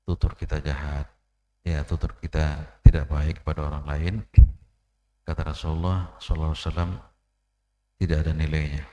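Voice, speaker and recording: Man, preacher, low voice, repeats himself, throat clearing, echoey hall. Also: dark tone, lo-fi sound. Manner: conversational, repeats phrases, frequent "ya" and "iya", clears throat often. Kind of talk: mosque sermon lecture. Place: mosque hall. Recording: echoey hall with long reverb.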